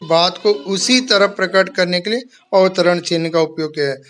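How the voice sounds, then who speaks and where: A male schoolteacher with a fairly high voice gives a patient grammar lesson to his pupils. He speaks to them as his children and works through each point step by step. He reads the example sentences out one by one. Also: normal speed, a bit bright, soft background music. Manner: addresses pupils kindly as "my children". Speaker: school teacher.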